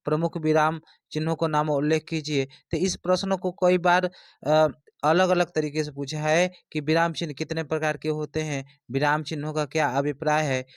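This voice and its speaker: Man, teacher, slightly high voice, dry close recording. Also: flat delivery, moderate pace, dry recording. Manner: explanatory, repeats points with "yani" and "dekhiye". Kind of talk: exam-prep lesson explaining Hindi grammar.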